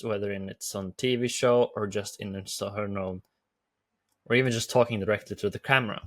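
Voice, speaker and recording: A man with a Norwegian accent hosts a video, explaining lessons in an eager, upbeat way. His voice is mid-pitched and plain, and he leans on repeated phrases for emphasis. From Norway. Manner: enthusiastic, repetitive phrasing. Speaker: YouTube host. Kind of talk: commentary.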